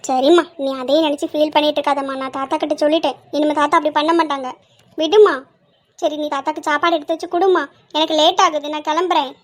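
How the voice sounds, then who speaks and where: A woman's voice: high voice, fairly even intonation, fast, natural voice. A woman voicing a caring young college girl who soothes and teases her grandfather in a homemade family skit. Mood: coaxing. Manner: coaxing, soothing, teasing.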